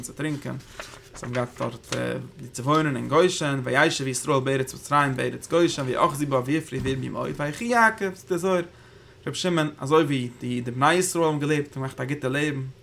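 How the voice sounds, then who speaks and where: Gravelly-voiced man teaching Torah in Yiddish. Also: mid-range voice, fairly bright tone, slight background noise. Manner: rambling, thinking aloud, Hebrew terms woven in. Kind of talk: Yiddish Torah class on the Zohar.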